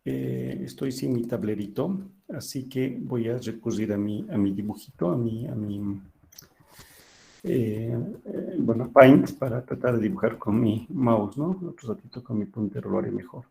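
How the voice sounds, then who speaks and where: A man's voice: mid-range voice, a little slow, creaky, dark tone. A male teacher giving an online class lecture, explaining patiently and often checking that students follow.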